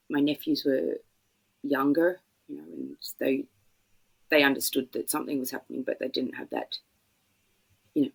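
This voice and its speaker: An Australian woman from Sydney, a podcast guest talking in a casual, reflective way with many halting fillers. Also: very deep voice, creaky, breathy edge, low-quality recording. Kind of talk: casual conversational interview.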